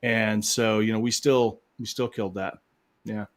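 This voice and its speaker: Speaking at a moderate pace with fairly even intonation, a man with a lowish voice co-hosts a live hypnosis show online. The video-call chat is casual, and he rambles, restarting often and leaning on fillers.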